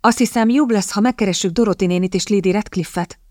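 A woman reading the part of a bold, sharp-witted young English lady who answers politely but cuttingly. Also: mid-range voice, dry recording, studio quality, lightly acted.

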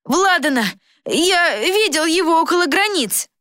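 A woman's voice: very high voice, animated, measured pace, fairly bright tone, no echo, studio quality, pitched above the performer's own voice, heavily acted. A woman voicing a frightened young boy who talks in a breathless, stammering rush. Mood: panicked.

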